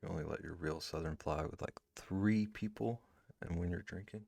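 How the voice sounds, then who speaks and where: There's no room sound as a man with a low, slightly mellow voice and vocal fry talks at normal speed during a live drawing stream. His casual, rambling chat with viewers, responding to their messages, is packed with "like" fillers and restarts.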